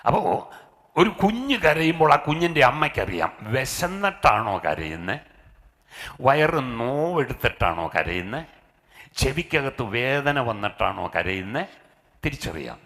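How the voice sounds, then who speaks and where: A man's voice: medium pitch, big pitch swings, unhurried, fairly bright tone. A middle-aged man preaching a sermon as pastor. He punctuates his talk with frequent hallelujahs and rises into emphatic calls.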